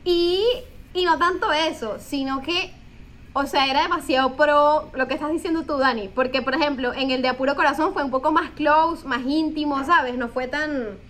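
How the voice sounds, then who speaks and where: High-pitched woman, rambling casual chat. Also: normal speed, a bit bright, slight background noise. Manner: rambling, restarts a lot while telling stories. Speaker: actress. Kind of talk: casual chat among friends.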